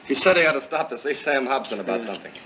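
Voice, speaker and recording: An actor as a wry rich brother, slightly distant. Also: male voice, mid-range voice, animated, racing, a crowd in the background, lightly acted. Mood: wry, languid. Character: wry, languid, skeptical rich young brother. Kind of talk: 1930s film comedy acting. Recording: distant, muffled, noisy 1930s film soundtrack.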